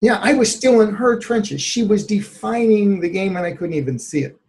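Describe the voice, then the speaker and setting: A male therapist, a guest on an interview show, telling a personal story in an animated way and laughing often. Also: sits high, moderate pace.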